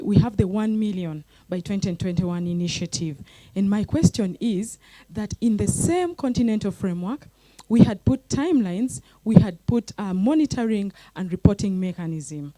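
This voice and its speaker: A woman's voice: mid-range voice, dark tone, no echo. A woman at a youth panel discussion, putting pressing, rhetorical questions with restarts. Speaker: youth forum participant.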